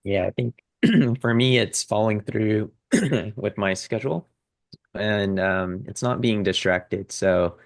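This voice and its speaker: Very deep gravelly man. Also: no room sound. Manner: measured, clears his throat. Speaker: class participant.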